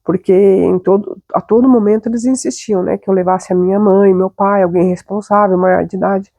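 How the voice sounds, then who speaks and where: A young adult Brazilian woman hosts her own show, telling a personal story in a confiding way and checking in with her listeners often. She talks quickly, and her voice is mellow and gravelly. The sound is dry and close. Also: medium pitch, fairly even intonation, no echo. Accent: Brazilian Portuguese. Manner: chatty, confiding, frequent tag questions. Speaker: host.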